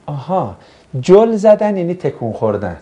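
A man's voice: on the high side, very animated, mellow, lo-fi sound. A man teaching a classroom lesson, joking and putting questions to his students. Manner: jokey, asks the class questions and banters. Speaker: religious studies teacher.

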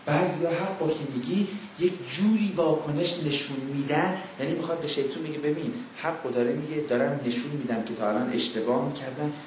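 A man delivers an emphatic sermon to a young audience in a slightly high voice. He fires rhetorical questions, acts out little mock exchanges and slows down to intone scripture. The sound rings heavily around a very echoey room, with a faint noise underneath. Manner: intones Quranic verses slowly. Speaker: preacher.

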